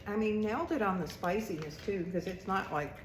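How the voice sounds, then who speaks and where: A woman's voice: mid-range voice, a little fast. Female snack-review host, chatty, munching crunchy food mid-sentence, roomy sound with audible background clicks. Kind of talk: casual taste-test chat. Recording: roomy echo, clear background noise with clicks.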